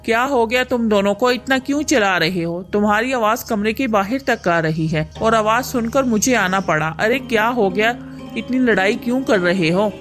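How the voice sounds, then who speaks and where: A woman voicing a kindly, caring but pushy middle-aged mother-in-law in an animated story, talking with warm scolding. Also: medium pitch, normal speed, soft background music, natural voice. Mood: puzzled.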